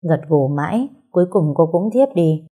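Woman storyteller, calm, low pitch. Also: moderate pace, husky. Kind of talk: scripted story narration.

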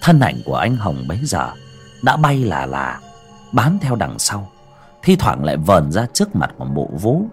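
A man's voice: low voice, huge pitch swings, normal speed, soft background music. A man narrating a horror audiobook with dramatic storytelling.

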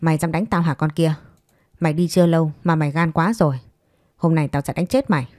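A woman's voice: low voice, brisk, a little mellow, no echo, clean studio sound, natural voice. A woman voicing a crude, threatening young husband in a read-aloud story, speaking in a coarse, taunting way. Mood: furious.

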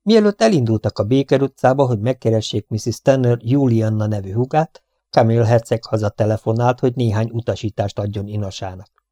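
Mellow-voiced male audiobook narrator. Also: mid-range voice, no echo. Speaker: audiobook reader. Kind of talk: scripted narration.

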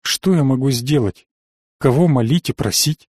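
A man narrating a first-person fantasy audiobook in a measured, tense storytelling manner. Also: medium pitch, a little mellow, breathy edge, no room sound, clean studio sound.

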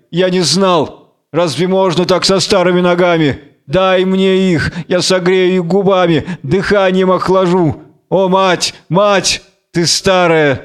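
A man's voice: high-pitched, smooth. A man voicing a blinded strongman hero, proud and wrathful, speaking in impassioned outbursts.

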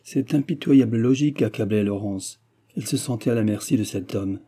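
A man reads a classic novel in a measured, even way. His voice sits low and dark, with a husky grain. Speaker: audiobook reader. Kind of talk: scripted narration.

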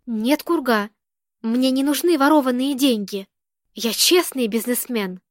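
A cold, composed businesswoman speaks in a firm, measured way in an audiobook, as a woman reads her. The voice sits fairly high. The sound is close and dry. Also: no room sound. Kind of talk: audiobook character reading.

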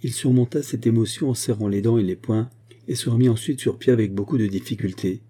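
A man narrating a classic novel in a steady, measured audiobook reading. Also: mid-range voice.

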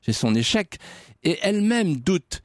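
A man of middle pitch recounts history on the radio as a guest historian, building suspense with rhetorical questions and insistent repetitions. The studio sound is close and dry. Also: very animated, measured pace, no room sound. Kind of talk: dramatic storytelling in radio interview.

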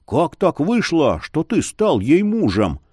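A brash, stubborn young warrior who demands answers and blurts things out, as a man puts him on for a fantasy audiobook. The voice rides higher and louder than the reader's own, swinging widely in pitch. It is recorded dry and close. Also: wildly swooping pitch, takes it slowly, husky, no echo, heavily acted. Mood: demanding. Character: young man, hot-headed stubborn guild fighter.

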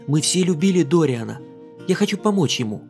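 A playful young woman who teases and mocks warmly, as a male narrator puts her on. The voice sits well above his own and jumps around brightly in a storybook reading. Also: on the high side, expressive, a little fast, faint music behind, pitched above the performer's own voice. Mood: teasing. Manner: playful, mocking, warm. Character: lively teasing young English woman.

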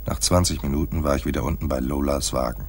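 In a noir radio play, a male actor narrates his own case in the first person as a laconic, hard-boiled private detective. His very deep, husky voice holds a steady tone, and he delivers lines quickly in a dry, terse, detached way.

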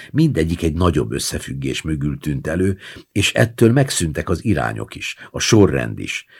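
A man reading a literary short story aloud in a measured, hushed way, at times dropping to a whisper. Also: a bass voice, vocal fry, slightly rough. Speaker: audiobook reader.

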